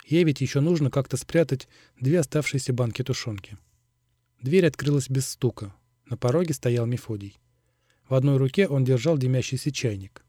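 A man narrating an audiobook in a steady, even reading. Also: medium pitch, no room sound, clean studio sound. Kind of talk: scripted narration.

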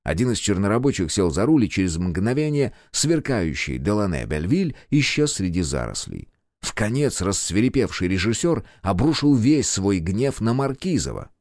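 A man narrating an audiobook in an expressive storytelling manner. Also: fairly low pitch, moderate pace, no room sound, studio quality.

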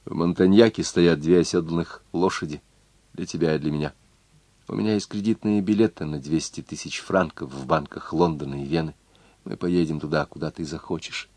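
A man's voice: extremely low pitch, fairly even intonation, brisk, darkish tone, no room sound. A man reading a novel aloud, voicing a proud young noble outlaw who pleads earnestly with the woman he loves. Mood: urgent.

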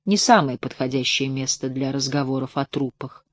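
Nervous young man voiced by a woman, skeptical, hushed, audiobook, dry sound. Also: a bass voice, normal speed, dry recording.

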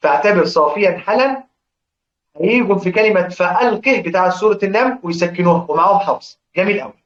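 A man with an Egyptian accent teaching a lesson on Quran recitation. He keeps asking his students questions, answers them himself, and chants quoted verses slowly. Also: high-pitched, fairly bright tone. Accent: Egyptian Arabic. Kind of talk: religious lesson explaining verse. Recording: echoey room, dull lo-fi sound.

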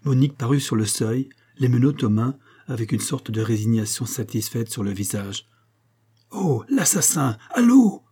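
A man narrating a novel in a measured, dramatic reading. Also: mid-range voice, fairly even intonation, dark tone, slightly rough. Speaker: audiobook narrator. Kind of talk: scripted narration.

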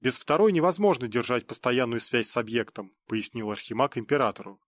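A man narrating a fantasy audiobook in a steady, even reading. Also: medium pitch, fairly quick, dry recording, studio quality. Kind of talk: scripted narration.

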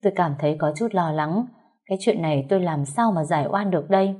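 A woman tells a first-person family story in a dramatic, emotional way. Her voice sits low and mellow, soft at the top. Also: fast talker, husky.

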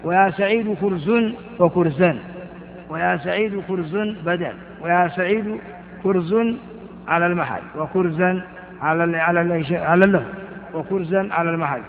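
Older male grammar teacher, high voice, lecturing to students, tinny hall recording. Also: normal speed. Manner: repeats examples, asks and answers his own questions.

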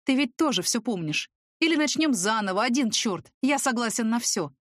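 A woman's voice: on the high side, expressive, normal speed, no echo, pitched above the performer's own voice. Pushy ex-boyfriend, a young man pleading hard, voiced by a woman reader; storybook part, dry. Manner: insistent and urgent.

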